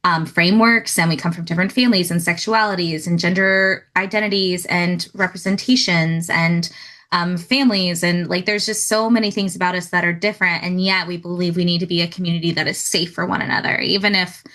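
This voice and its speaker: Podcast guest, woman, 30s, chatty storyteller, bright tone. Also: on the low side, steady tone, brisk. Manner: chatty storytelling with laughs and acted quotes. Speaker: guest, youth ministry speaker. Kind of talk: casual podcast interview.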